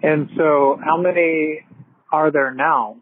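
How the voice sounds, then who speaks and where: A man's voice: fairly high pitch, fairly even intonation, takes it slowly, no room sound. A man asking conversational interview questions as host, heard over a bad phone line.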